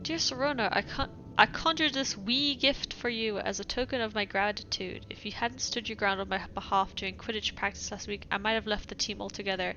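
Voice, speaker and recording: A young woman with a mixed European English accent, British-born and raised elsewhere in Europe, streams a game while chatting, reading letters aloud and giggling, with plenty of fillers. Her mid-range voice is brisk, pushed and bright, with few pauses. The sound is lo-fi, with slight background noise and music behind.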